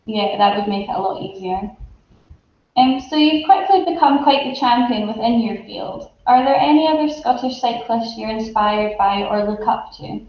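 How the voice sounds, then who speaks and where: Higher-voiced woman interviewer in an echoey room. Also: normal speed. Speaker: interviewer, host. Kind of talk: casual interview questions. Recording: echoey room, dull audio, noisy background.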